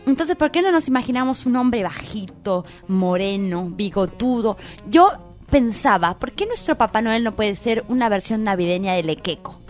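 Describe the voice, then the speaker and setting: A woman with a somewhat high voice delivers a comedic radio column. She sounds playful and impassioned, like she is rallying listeners to a campaign. Soft music sits faintly behind her. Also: expressive, normal speed. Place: radio studio.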